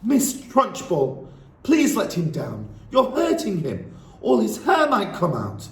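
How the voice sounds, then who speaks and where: A man's voice: high voice, fairly even intonation, fairly quick, warm tone, pitched above the performer's own voice, lightly acted. A man doing a timid, pleading young teacher. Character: gentle young female schoolteacher, timid. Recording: roomy, distant mic, faint ambience.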